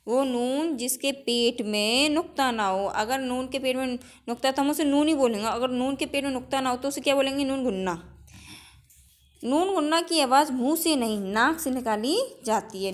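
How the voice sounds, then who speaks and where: Woman teacher, slightly high voice, exam-prep lesson, repeats rules and quizzes the class. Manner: repeats each rule, then quizzes it back; drills with example words in a list.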